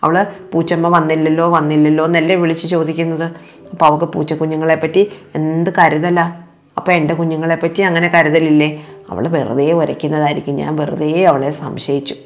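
Lady doing a kind mama kite bird, low calm voice, earnest and reassuring. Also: a little fast. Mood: remorseful. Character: kindly protective mother kite bird.

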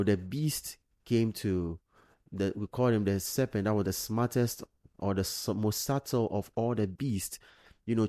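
Low mellow guy doing a rambly bible study, lots of you-knows, dry close sound. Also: no room sound. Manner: rambling, thinks aloud with many "you know" fillers. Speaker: Bible teacher. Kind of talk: informal Bible study commentary.

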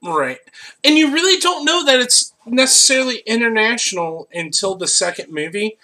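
A man's voice: very high-pitched, animated, normal speed, pushed and bright. A man co-hosting a podcast, talking casually about movies in an easygoing way. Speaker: podcast co-host. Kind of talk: casual chat.

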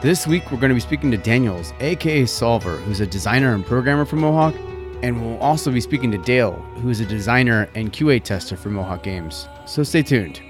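A man with a mid-range, expressive voice hosts a casual podcast interview, talking fairly quickly over soft background music. He welcomes his guests in an upbeat, joking way and laughs often.

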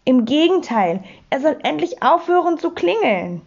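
A woman's voice: high voice, big pitch swings, normal speed, gravelly, a little mellow, lo-fi sound, pitched above the performer's own voice, heavily acted. A woman voicing a sleepy, grumpy grown man who murmurs and grumbles in exasperation.

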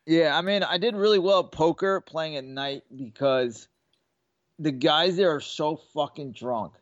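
A man's voice: a little high, a little slow, no room sound, highs cut off. Rambling man telling casino stories. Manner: rambling storyteller, swears freely, acts out quotes. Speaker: podcast co-host. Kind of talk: casual sports betting chat.

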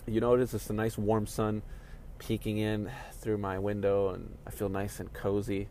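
At home beside a sunny window, an MMA commentary vlogger rambles through fight news alone, yawning and sounding sleepy and relaxed. His fairly low, warm voice stays completely flat at a moderate pace, with slight background noise behind it.

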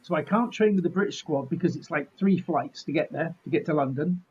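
High, husky man telling stories. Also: a little fast, a little mellow, dull audio. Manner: jokey, self-deprecating, mildly sweary, acts out remarks. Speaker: martial artist being interviewed. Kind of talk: animated anecdotal storytelling in casual chat.

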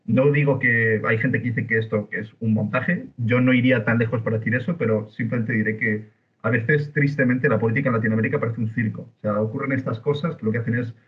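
A man from Spain, a podcast guest chatting casually from Buenos Aires over a remote call, halting with fillers and restarts. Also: mid-range voice, steady tone. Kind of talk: casual opinion chat. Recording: tinny phone-like line.

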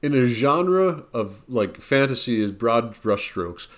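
A man's voice: mid-range voice, very animated, slow. A man co-hosting a casual podcast conversation about books, talking emphatically and repeating words as he builds his points. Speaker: podcast co-host discussing books. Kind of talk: casual chat.

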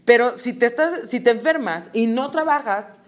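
A woman's voice: a little high, lively intonation. A woman, teaching a group in a conversational way and acting out short quoted lines. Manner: conversational, acts out quick quoted voices. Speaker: workshop facilitator. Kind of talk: teaching a group about emotions.

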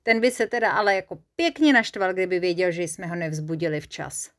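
A woman's voice: on the low side, fairly bright tone, lightly acted. A woman voicing a stubborn little male forest creature in a children's storybook, speaking in an insistent, slightly pompous way. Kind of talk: storybook character voice.

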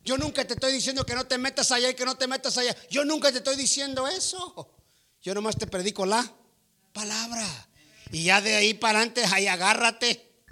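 A male preacher with a high, bright, forceful voice delivers a sermon. He talks emphatically, calls his listeners brother and keeps asking them rhetorical questions. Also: fairly quick.

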